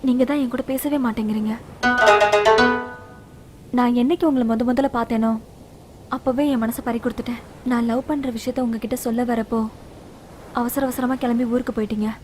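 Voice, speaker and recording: A woman's voice: on the high side, fairly even intonation, a little fast, long pauses, close to an everyday voice. An actress playing an earnest young woman who grew up with her brother, speaking in heartfelt, pleading film dialogue. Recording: film audio with loud music. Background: loud background music.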